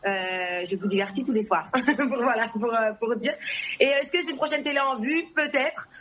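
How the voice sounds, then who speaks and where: A woman in her twenties from Guadeloupe and Morocco talks as a guest. She sounds blunt and outspoken and does not soften her words. Her voice sits high. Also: normal speed. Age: 20s. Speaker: reality TV personality, guest.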